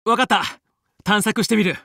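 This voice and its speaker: Fox McCloud, a bright-voiced heroic fox pilot. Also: male voice, high-pitched, fairly even intonation, moderate pace, creaky, no room sound, studio quality, full character voice. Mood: determined, serious. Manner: cool, resolute, clipped heroic delivery. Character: confident heroic young male fox space pilot, team leader. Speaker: video game voice actor. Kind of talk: Japanese video game battle voice lines.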